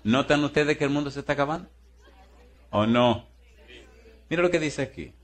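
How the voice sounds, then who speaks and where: A man preaching a sermon as pastor, firing rhetorical questions at the congregation in a folksy, teasing way. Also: normal speed. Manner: swings between booming and hushed.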